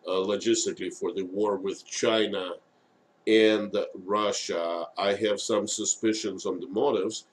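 A man hosting an unscripted live stream of political commentary, speaking haltingly with many filled pauses. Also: on the low side, fairly even intonation. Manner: halting, frequent long hesitations and filled pauses.

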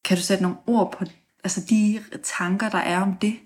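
A woman interviewer asking gentle, probing questions. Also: medium pitch, steady tone. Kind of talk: casual interview talk.

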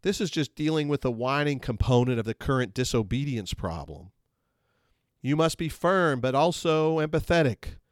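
A man speaks in an earnest, measured way, teaching parents on a faith-based podcast. His mid-range voice comes through a close mic with a dry, dead sound and no room echo. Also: mid-range voice, animated. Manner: earnest, measured instructional delivery. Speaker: podcast host.

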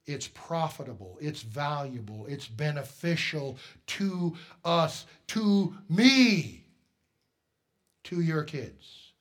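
Man, middle-aged, pastor, sermon, fairly high pitch, storytelling, quiet asides, loud emphatic peaks. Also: takes it slowly, few pauses.

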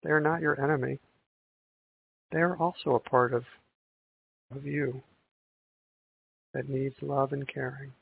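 A man guiding a breathing meditation in a calm, gentle, meditative tone, on a thin band-limited recording. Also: mid-range voice, unhurried, creaky, pauses often, husky. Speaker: meditation guide. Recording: tinny band-limited audio with hiss.

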